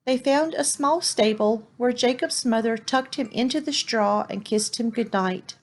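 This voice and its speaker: Brief: female storyteller, slightly high voice, clear and expressive read-aloud for kids. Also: unhurried.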